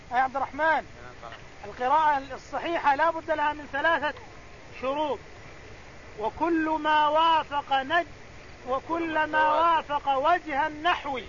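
A man with a strikingly high voice leads a classroom Quran lesson. He explains readings and fires questions at his students. The recording is dull and muffled, with a faint hiss of background noise. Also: fairly bright tone. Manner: explains and quizzes students directly. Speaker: religious teacher.

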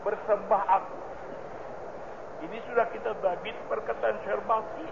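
A man's voice: high voice, fairly even intonation, normal speed. A man teaching a religious study lesson on a hadith text, emphatic and asking and answering his own questions. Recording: muffled lo-fi recording with clear background noise.

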